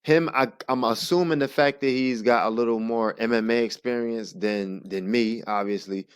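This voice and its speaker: A man narrating sparring footage in a casual, halting play-by-play, thinking aloud as he explains each move. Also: mid-range voice, fairly even intonation, smooth. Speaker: jiu-jitsu practitioner narrating own sparring footage.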